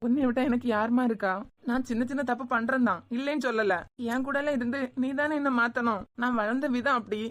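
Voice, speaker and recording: A woman plays a scheming young man in a cartoon, with a Kanyakumari Tamil accent. He talks fast and sits a little high. He is pushy and quick to turn menacing. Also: close to an everyday voice. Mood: pleading. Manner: pleading then menacing. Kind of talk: cartoon web series voicing.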